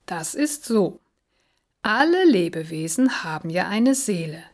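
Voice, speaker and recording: A woman voicing a gentle, wise animal friend in a storybook reading, explaining calmly and patiently. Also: fairly low pitch, measured pace. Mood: patient, warm.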